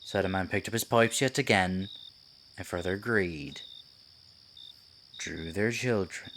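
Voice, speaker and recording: A man playing a sinister, silky Pied Piper in an ASMR roleplay, a theatrical storyteller who coaxes and condescends with deliberate delivery. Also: low-pitched, a bit bright, slight background noise, exaggerated voice. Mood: storytelling, ominous. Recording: night insects and forest ambience behind. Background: crickets, night forest ambience.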